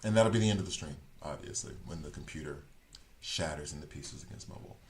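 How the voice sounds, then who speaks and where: A gaming streamer and native English speaker chats casually while playing, his bass voice fast, creaky and a little mellow, with slight background noise. He thinks aloud as he goes, rambling, restarting sentences and correcting himself.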